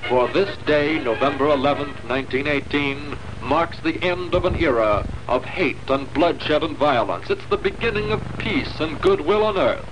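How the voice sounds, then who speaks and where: A man's voice: fairly high pitch, animated, normal speed, background noise. A man giving scripted, declamatory old newsreel narration. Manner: declamatory, rousing.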